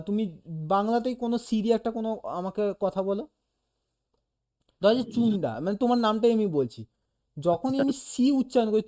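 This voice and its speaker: Mellow-voiced teacher explaining step by step. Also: mid-range voice. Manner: explains patiently, demonstrates sounds aloud, keeps checking "okay?". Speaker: animation teacher. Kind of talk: casual one-on-one lesson.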